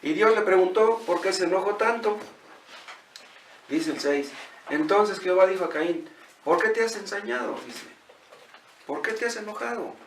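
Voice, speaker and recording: A man's voice: sits high, normal speed, pauses often, a bit bright, roomy sound, recorded from a distance. Male pastor, Mexican accent, conversational sermon, faint room hiss. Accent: Mexican Spanish. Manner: conversational preaching, retells dialogue, rhetorical questions. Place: church.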